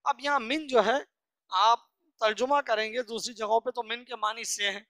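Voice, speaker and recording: A religious teacher giving a scripture lesson, slowly reciting each phrase and then explaining it piece by piece, often asking and answering their own questions. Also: mid-range voice, steady tone, sharp tone, dry recording, studio quality. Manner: earnest, instructive, asks and answers own questions.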